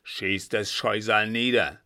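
A man's voice: fairly low pitch, fairly even intonation, unhurried, pushed and bright. A man voicing a shaken army captain who speaks in short, curt bursts.

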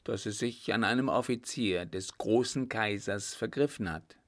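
A man's voice: fairly low pitch, moderate pace, close to an everyday voice. A man voicing a rash, hot-tempered soldier who barks and blusters. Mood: angry. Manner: blustering, barking orders.

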